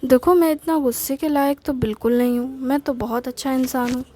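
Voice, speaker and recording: A woman's voice: sits high, fairly even intonation, fairly quick, darkish tone, natural voice. A woman voicing an older husband who is teasing, sheepish and doting, talking with hesitant stops and fillers in an acted story. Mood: defensive.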